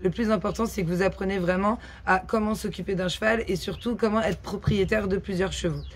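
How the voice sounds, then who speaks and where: A woman from France who runs a horse farm, explaining her work casually, with many pauses and fillers. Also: mid-range voice, steady tone, slight background noise.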